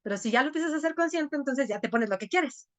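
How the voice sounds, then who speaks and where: A woman's voice: high voice, lively intonation. A woman, a coach telling her own story in an online class, earnest and full of "o sea" asides. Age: 40s. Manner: earnest, talks fast, many "o sea" asides. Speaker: coach leading an online women's group. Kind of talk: live online class with personal testimony.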